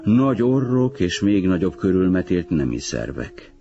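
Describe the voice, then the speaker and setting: A man reading a novel aloud as an audiobook narrator in a measured, even manner. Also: low voice, creaky, dull audio, soft background music. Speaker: audiobook reader.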